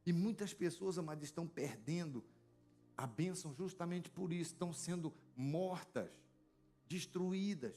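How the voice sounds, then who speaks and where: A man's voice: on the high side, moderate pace, warm tone, faint music behind. A man preaching a sermon as a pastor, telling stories and speaking directly to the congregation. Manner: conversational storytelling preaching, addresses congregation directly.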